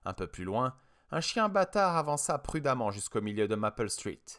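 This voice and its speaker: Expressive male audiobook narrator. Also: mid-range voice, normal speed, smooth. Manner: expressive, dramatic reading. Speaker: audiobook reader.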